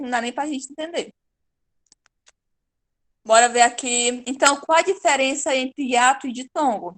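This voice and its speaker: A middle-aged woman with a Brazilian accent teaching a grammar lesson, patiently repeating words slowly to show how syllables split. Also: on the high side, a bit bright. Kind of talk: online Portuguese grammar lesson.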